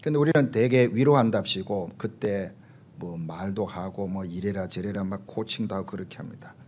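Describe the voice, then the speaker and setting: A middle-aged man, a pastor, preaching a sermon and telling stories full of acted quotes, pausing often on "uh". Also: low-pitched, darkish tone, a little hiss or hum. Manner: storytelling with acted quotes, frequent "uh" fillers.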